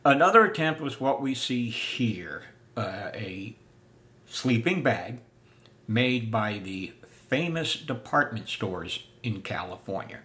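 An older man giving a casual spoken history lesson, unhurried with many filler pauses, seated in a room full of antiques. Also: mid-range voice, lively intonation, bright, forceful tone. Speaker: living history presenter.

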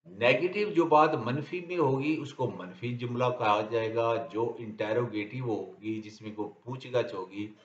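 Slow, deliberate Pakistani Urdu-accented male teacher. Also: mid-range voice. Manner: reads example sentences very slowly and deliberately. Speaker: English grammar teacher. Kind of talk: explanatory grammar lecture. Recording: dull, roomy lecture recording.

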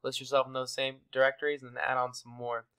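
A man's voice: mid-range voice, completely flat delivery, quick pace, sharp tone, smooth, low-quality recording. A young man from Texas walking a client through website marketing tips in a casual, friendly screen-share, with fillers. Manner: friendly, conversational, many fillers.

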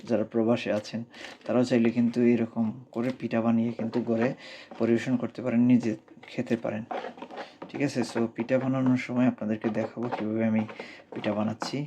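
A man with a Sylheti Bengali accent speaking softly in a casual home cooking vlog, his voice cracking from a cold. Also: medium pitch, flat delivery, brisk, slight background noise. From Bangladesh. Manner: speaks softly, hushed at night. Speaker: cooking vlogger. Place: home kitchen abroad.

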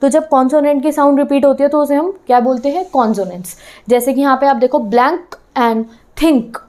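A woman's voice: sits high, normal speed, darkish tone. A woman teacher explaining lessons in an online class. She mixes in English terms, asks her students questions and keeps checking that they follow. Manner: keeps checking in with "theek hai".

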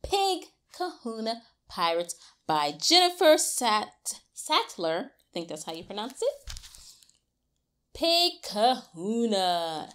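A young adult woman reads a storybook to young children, theatrical and exaggerated, coaxing them to join in. Her fairly high, slightly bright voice swings widely in pitch at a slow pace. She is a read-aloud teacher in a small, colorful, classroom-like indoor room.

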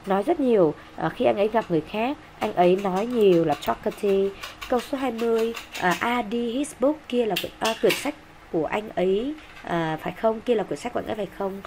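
Brisk woman explaining exam answers. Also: mid-range voice, noisy background. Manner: brisk, explanatory, frequent fillers. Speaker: English teacher.

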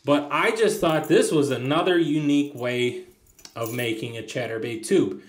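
Sitting at a table indoors with his hands in frame, a man who hosts a fishing channel gives a casual demo of lures. He talks at a moderate pace in a mid-range voice, rambling through plenty of ums and restarts, and the room has an echo.

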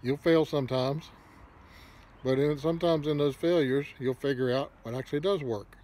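A man's voice: on the high side, normal speed, darkish tone. An older man talking casually with a pipe in his mouth, giving easygoing, rambling advice as the host of an unedited video. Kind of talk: casual unedited monologue to camera.

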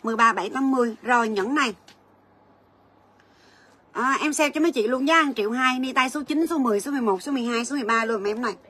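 Bright-voiced chatty woman selling gold. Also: on the high side, slight background noise. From Vietnam. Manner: chatty, rapid price calls, storytelling asides. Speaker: gold shop livestream seller. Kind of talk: livestream sales chat.

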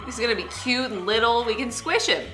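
A young woman making casual prank calls indoors, explaining herself in a deadpan, rambling way. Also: fairly high pitch, fairly quick, soft background music, rough recording. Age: young adult. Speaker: prank caller and show host. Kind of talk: casual prank phone call and chat. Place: small indoor room, seated at a table.

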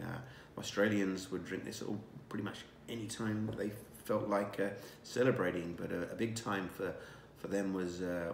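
A winemaker in his sixties presents a wine tasting at a dining table indoors, savoring it in a relaxed way full of fillers and restarts. A camera across the table picks up his low, creaky voice with a roomy sound and slight background noise.

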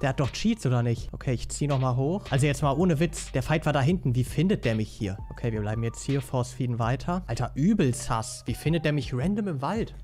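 Excited gamer with slang. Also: male voice, medium pitch, brisk, few pauses, faint music behind. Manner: excited, slangy, swears often. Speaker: gaming YouTuber. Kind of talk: live gameplay commentary. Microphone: studio mic.

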